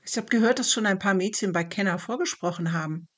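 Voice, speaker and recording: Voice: medium pitch, fast, fairly bright tone, lightly acted. A storyteller voicing an eager young village girl. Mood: excited. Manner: encouraging, heartfelt. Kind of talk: storybook narration.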